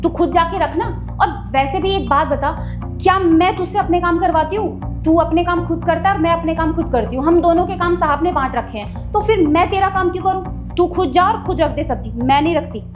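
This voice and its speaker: A woman's voice: very high voice, a little fast, over music. A woman playing a poor house maid in a short drama skit, snappy and defensive, turning to pleading. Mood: defensive, scolding. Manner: snappy and quarrelsome, then pleading. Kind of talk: Hindi web-skit acting.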